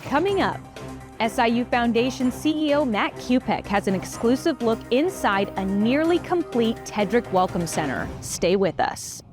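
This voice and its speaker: Lively upbeat female anchor. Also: on the high side, moderate pace, over music. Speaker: news show anchor. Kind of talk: scripted news presenting.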